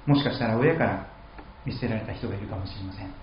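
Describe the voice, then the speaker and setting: Japanese pastor preaching in an echoey church. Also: male voice, fairly low pitch, racing, highs cut off, slight background noise. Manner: dramatic voicing of quoted speech. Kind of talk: sermon. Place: church hall.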